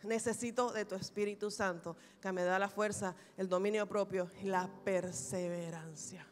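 A woman pastor preaching a sermon, telling a personal testimony in an animated, humorous way. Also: medium pitch, normal speed. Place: large church hall. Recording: reverberant church hall recording.

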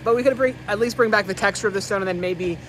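This is a man with a high-pitched, slightly bright voice who talks fast. He's a vlogger fixing up a stone cabin, chatting casually into a handheld camera mic at an outdoor building site, thinking out loud and quizzing viewers. Slight background noise is audible.

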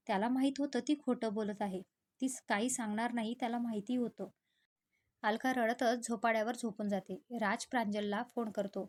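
A woman reading a scripted family story aloud in a steady, even storytelling manner. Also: a little high, normal speed.

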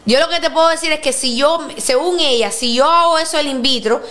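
A woman in her thirties hosting a podcast, chatting casually and acting out the quotes in her stories. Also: a little fast. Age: 30s. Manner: lively storyteller, acts out quotes with big pitch jumps. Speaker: podcast host. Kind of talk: casual chat.

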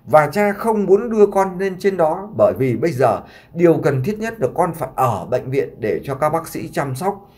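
A man's voice: on the high side, very animated, moderate pace, darkish tone. A man voicing a grieving doctor father who imploringly consoles his sick son and takes the blame on himself.

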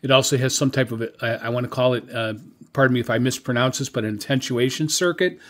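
A middle-aged or older hobbyist reviews a product informally, speaking fast in a mid-range, fairly bright voice. He hesitates and rambles in a chatty way, recorded indoors in a room filled with radio gear.

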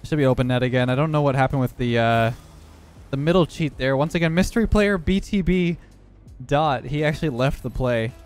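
Faint game music sits under a young man's running commentary as he plays through his matches live for YouTube. Having lost his voice earlier, he sounds rough and hoarse at an ordinary pitch, talking calmly and steadily, a little fast.

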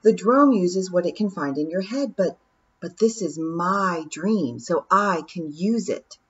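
A woman's voice: on the low side, expressive, unhurried, husky, muffled recording. A woman reading an earnest young girl.

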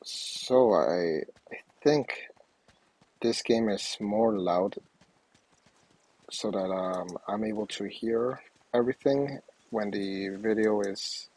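Low-voiced, hesitant male gamer. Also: slow, pauses often, a little mellow, husky, rough recording. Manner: rambling, hesitant. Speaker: gaming video host. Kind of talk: casual gameplay commentary. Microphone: wireless earbuds.

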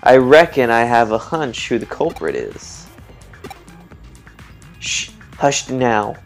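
A man voicing a secretive young country girl detective in his own plain voice, talking low and conspiratorially. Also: wildly swooping pitch, moderate pace, soft background music. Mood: hushed.

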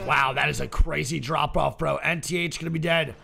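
A man giving excitable, casual live commentary while he watches an esports match, swearing now and then and laughing often. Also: a little high, a little fast, vocal fry.

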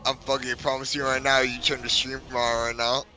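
A man in a gaming voice chat, talking fast and excitably, swearing and saying "bro" and "dude" a lot. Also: mid-range voice, soft background music, rough recording. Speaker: gaming friend. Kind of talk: casual gaming chat over voice call.

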